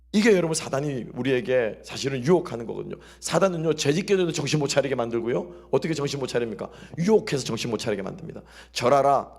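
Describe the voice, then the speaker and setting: A male pastor, preaching a sermon that keeps asking the congregation questions and drops into soft, quiet asides. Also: mid-range voice, breathy edge. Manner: call-and-response questioning of the congregation. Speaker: senior pastor.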